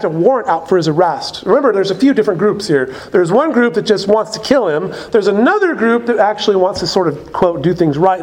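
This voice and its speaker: A man preaching a sermon as a pastor, in a conversational way with frequent asides. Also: high voice.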